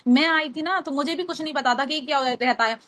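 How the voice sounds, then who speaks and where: A young woman from Agra with a high, bright-pitched voice and a Hindi accent. She coaches a team in casual Hindi mixed with English, acting out both sides of sample sales calls. Her explanations go step by step, repeating key lines so listeners can write them down. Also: a little fast. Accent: Hindi, from Agra, Uttar Pradesh. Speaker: trainer teaching call scripts. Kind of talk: casual training talk with role-played calls.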